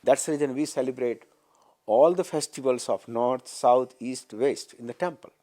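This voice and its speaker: A man with an Indian English accent explains his views simply and earnestly. His voice is dark and mellow. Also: mid-range voice, normal speed. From Baroda, Gujarat, India. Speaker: temple member. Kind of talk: documentary interview.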